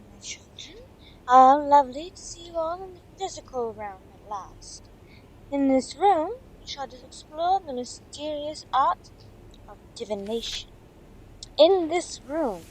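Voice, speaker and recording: Woman as high, airy mystic divination professor. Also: slight background noise, poor audio. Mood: mystical, welcoming. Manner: dramatic, portentous, drawn-out delivery. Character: airy, theatrical, mystical female divination professor foretelling doom.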